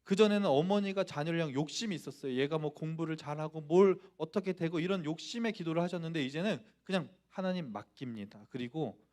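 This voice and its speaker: A man's voice: on the high side, fast talker, hardly any pauses, a little mellow. A male pastor from Gangwon Province in Korea preaching a storytelling sermon in church, acting out dialogue and speaking directly to the congregation. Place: church, Friday prayer meeting.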